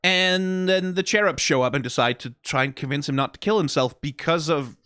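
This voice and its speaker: This reaction-video host is a man with a slightly high, sharp, clean voice who talks a little fast. He offers loose, analytical, casual criticism full of "like" and "right?", wry and profane, captured with no echo.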